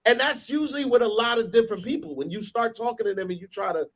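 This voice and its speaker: A man co-hosting a casual panel talk, animated and rambling, with lots of restarts. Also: extremely high pitch, fast, poor audio. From United States. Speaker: podcast co-host.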